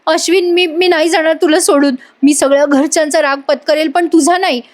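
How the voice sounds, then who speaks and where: A woman's voice: high-pitched, steady tone, a little fast, voice pushed up, natural voice. A woman doing a desperate pleading young wife. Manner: pleading, stammering repeats.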